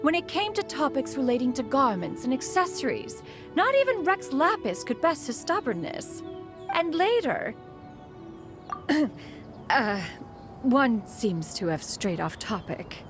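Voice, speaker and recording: Here a woman voices a haughty, formal crane spirit for a game, using lofty archaic speech and calling herself "one." She sounds high and sing-song yet stately and measured, keeping a solemn air over background game music.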